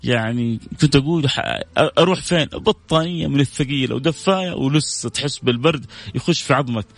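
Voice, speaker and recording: A man with a Hijazi Saudi accent and a creaky voice, hosting a casual religious radio chat and addressing listeners affectionately with endearments and blessings. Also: mid-range voice, a little fast, no echo. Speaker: radio show host.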